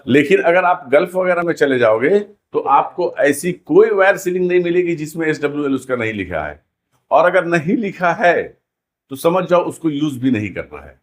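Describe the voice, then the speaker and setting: Lively, higher-voiced male rigging instructor. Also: normal speed. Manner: explanatory, repeats key terms as questions to the class. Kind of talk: classroom teaching with demonstrations.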